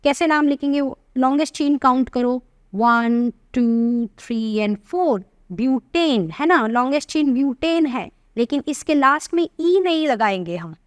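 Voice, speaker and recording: An Indian woman teaching chemistry, asking the class questions and spelling out formulas slowly. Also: high voice, lively intonation, no echo, clean studio sound. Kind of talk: classroom lesson in Hindi-English mix.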